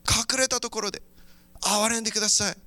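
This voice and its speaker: A male pastor delivers a sermon with high, ringing brightness. His voice is fervent, and he moves between teaching and prayer. The sound is close and dry, with no room around it. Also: steady tone, fast, no room sound. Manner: fervent, moves between preaching and praying aloud.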